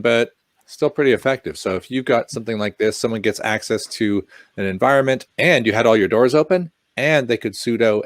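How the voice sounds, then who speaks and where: Brief: man, lower voice, animated and jokey tech co-host, dry close mic. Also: no room sound. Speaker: podcast co-host. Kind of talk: casual tech chat.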